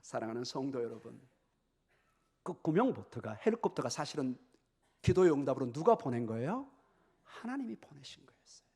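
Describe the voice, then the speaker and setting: A man preaching a sermon as a pastor in a church, telling a story with lively acted-out voices and sudden whispers. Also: medium pitch, fairly quick, long pauses, breathy edge. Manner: animated storytelling, acts out characters, drops to whispers. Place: church sanctuary.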